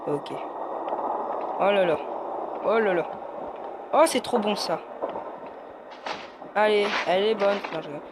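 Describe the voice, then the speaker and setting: A man's voice: high-pitched, measured pace, long pauses. A man commenting on a horror game as a gaming youtuber, jittery and frightened, yelping and muttering to himself. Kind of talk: let's play commentary. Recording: loud background noise and hiss.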